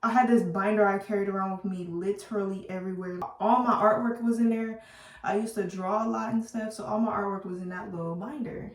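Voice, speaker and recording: A woman telling a storytime to her viewers while doing her hair, chatty and animated, laughing at herself and using casual slang. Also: mid-range voice. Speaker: beauty vlogger. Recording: roomy, slightly distant mic.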